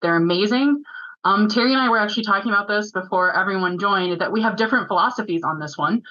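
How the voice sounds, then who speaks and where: A woman giving a technical presentation at a user group meeting, talking fast in a chatty way with filler words. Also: medium pitch, pushed and bright, highs cut off.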